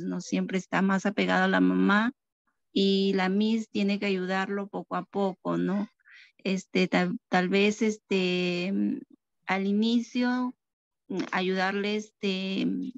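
A woman, a teacher-training student answering thoughtfully in an online class, pausing often. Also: mid-range voice, no echo. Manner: thoughtful, hesitant with fillers. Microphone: video call. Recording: dull lo-fi video call audio.

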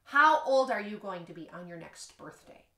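A woman's voice: medium pitch, expressive, moderate pace, sharp tone. Sing-song woman teaching children music. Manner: playful, sing-song, exaggerated. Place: living room at home. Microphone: camera across the room. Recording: echoey living room.

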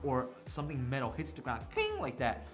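A man's voice: medium pitch, fairly even intonation, fairly quick, faint music behind. A man giving a casual product review, enthusiastic and fond of imitating sounds with his voice. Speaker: tech reviewer.

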